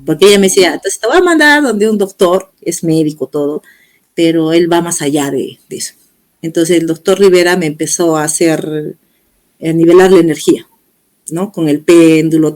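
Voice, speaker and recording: A woman's voice: deep voice, fairly even intonation, normal speed, a little mellow. Earnest middle-aged woman recounting events. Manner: earnest storytelling, acting out others' words in quotes. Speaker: interviewee. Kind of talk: personal testimony in an interview.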